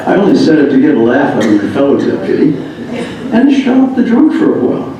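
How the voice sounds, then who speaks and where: His pitch is fairly high and swoops wildly as this American man quickly reads comic first-person anecdotes from another writer's memoir, plainly amused, with a crowd audible in the background. The setting is an echoey indoor room, and the distant mic gives a dull sound with faint noise.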